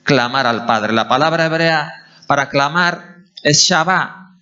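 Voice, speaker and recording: A male pastor, preaching a sermon in an animated way and asking his congregation questions. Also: a little high, slow. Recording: dull lo-fi recording.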